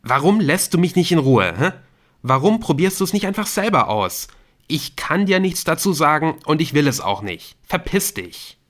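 A man's voice: mid-range voice, lively intonation, normal speed, fairly bright tone, pitched above the performer's own voice, natural voice. Man voicing a brusque teenage boy, defensive, snappish, audiobook. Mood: angry.

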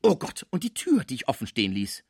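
A man's voice: mid-range voice, very animated, a little fast, breathy edge, dry recording, clean studio sound. A man voicing a scheming middle-aged concierge woman who nurses the sick, overwrought and indignant as she protests her honesty.

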